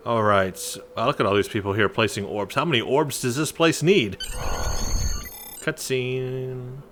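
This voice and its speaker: Playing a video game, a man offers relaxed, joking let's play commentary and reads the text aloud. He has a medium-pitched, somewhat bright voice and a measured pace, with faint music behind him.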